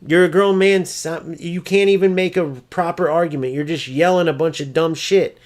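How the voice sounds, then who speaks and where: A man's voice: a little high, steady tone, normal speed. A man ranting over gameplay footage, exasperated, profane and mocking as he vents about an opponent. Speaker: gaming streamer.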